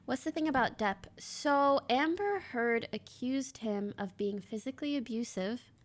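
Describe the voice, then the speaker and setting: A woman's voice: fairly high pitch, measured pace. A woman in her twenties from Canada, a streamer chatting bluntly and casually while reacting to clips and reading chat.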